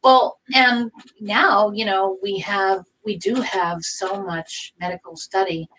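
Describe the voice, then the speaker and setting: A woman co-hosting a casual talk show as a psychic medium, speaking in a measured, explanatory way with ums. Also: medium pitch, fairly even intonation, bright, forceful tone, recorded from a distance, slight background noise, low-quality recording. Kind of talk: casual panel chat.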